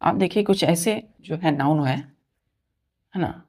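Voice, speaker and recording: A man's voice: on the high side, takes it slowly, darkish tone. A man leads an online grammar lesson in a patient, repetitive way. He often asks his students whether they have understood. He mixes English terms into his explanations. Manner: asks students repeated check questions. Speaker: teacher.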